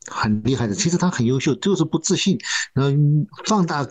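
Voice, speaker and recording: A man's voice: fairly high pitch, lively intonation, a little fast. A man volunteer guest in a podcast interview, explaining cases and repeating key phrases for emphasis.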